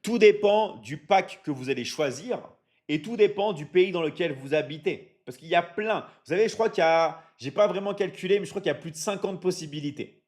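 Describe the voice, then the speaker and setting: A French online academy coach hosts a live stream, reading the chat as he delivers a sales pitch. He is energetic and repetitive, drops plenty of fillers, and keeps checking in with viewers by asking "ok? d'accord?". His voice sits high and he speaks fairly quickly.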